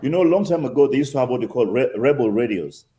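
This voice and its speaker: Animated Kenyan-accented man, mellow voice. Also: mid-range voice, fast talker. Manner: emphatic, uses rhetorical questions and repetition. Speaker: interview guest, consul general. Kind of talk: conversational interview answers.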